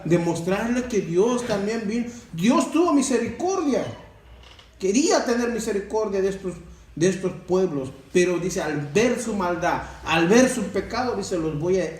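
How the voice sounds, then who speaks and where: A man's voice: high voice, a little mellow, slight background noise. A man giving a preachy testimony to a congregation, calling them brothers and asking rhetorical questions. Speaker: church member giving testimony. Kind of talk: sermon-style testimony. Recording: echoey room from far off with faint ambience.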